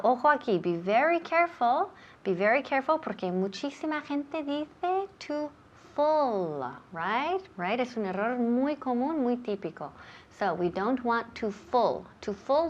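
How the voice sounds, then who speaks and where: A woman's voice: fairly high pitch, slight background noise. A woman teacher from running a bilingual English lesson, patiently repeating words for pronunciation drills. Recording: dull lo-fi sound.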